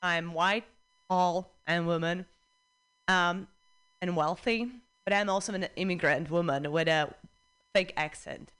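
Performing stand-up in a club, a young Czech woman speaks in a smooth, low-leaning voice, her accent obvious throughout. She lands her jokes in a deadpan, dry manner, pausing briefly before the punchlines.

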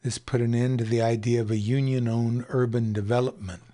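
A man hosting a radio show, reading aloud and commenting in a deliberate, emphatic way. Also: medium pitch, flat delivery, mellow. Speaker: radio host.

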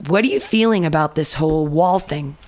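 A woman's voice: low-pitched, fairly quick, darkish tone. A woman in her forties from California, a fill-in radio host, chatting in a bubbly, rambling, joking way. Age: 40s. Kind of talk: casual radio chat.

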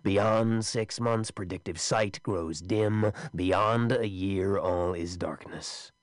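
A man voicing a menacing inhuman creature in a yellow coat, with a buzzing voice and slow, cold, measured speech. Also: low voice, no echo, clean studio sound. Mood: cold menace.

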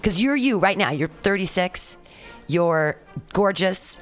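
A woman's voice: fairly low pitch, lively intonation, slow pace, faint music behind. Frank, crude-joking woman in her forties. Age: 40s. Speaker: podcast co-host. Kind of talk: casual chat.

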